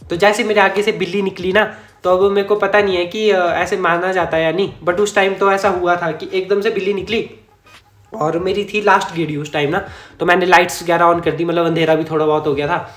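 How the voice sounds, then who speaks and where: Male vlogger, high voice, chatty storyteller who chuckles and corrects himself, echoey room. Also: steady tone, fairly quick, fairly bright tone, faint music behind. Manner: chatty, rambling, self-correcting, chuckles often. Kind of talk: casual storytime narration.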